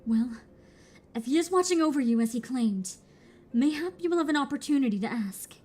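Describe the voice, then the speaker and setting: A woman's voice: high-pitched, animated, brisk, darkish tone, slightly rough. A woman voicing an earnest formal young scholar. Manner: archaic formal speech.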